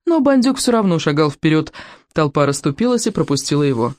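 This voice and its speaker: A woman narrating a children's fantasy audiobook in an expressive storytelling manner. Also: deep voice, fairly quick, no room sound.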